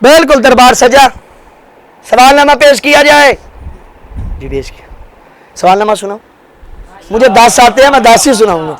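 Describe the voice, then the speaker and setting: A man preaching a religious sermon at a mourning gathering, impassioned, swearing oaths and piling up rhetorical questions, swinging between loud rises and hushed drops. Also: extremely high pitch, pauses often, rough recording. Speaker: majlis preacher.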